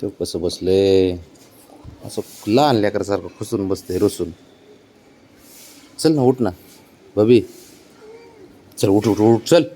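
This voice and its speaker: A man talking casually to his cat outdoors near a street, pleading with it over and over and gently scolding it. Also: fairly low pitch, takes it slowly, pauses often. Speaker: cat owner filming his pet. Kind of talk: casual coaxing talk to a pet. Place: outdoors below a residential building, street nearby.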